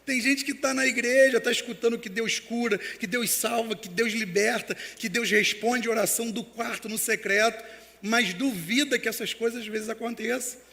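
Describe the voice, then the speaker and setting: A man's voice: very high voice, fairly even intonation, normal speed, vocal fry, pushed and bright, in a large hall. A man preaching a sermon as pastor, telling stories with many restarts. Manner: storytelling with acted quotes and many restarts.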